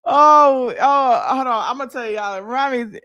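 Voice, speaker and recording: A woman hosting a livestream, telling stories in a loud, laughing, profane way. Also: high voice, unhurried, dry recording, lo-fi sound. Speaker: livestream host. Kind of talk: casual livestream chat.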